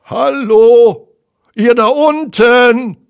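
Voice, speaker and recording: Man putting on a helpful owl, high, loud, storybook. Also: animated, extremely slow, exaggerated voice. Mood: friendly. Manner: loud, calling out. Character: helpful male owl calling from above.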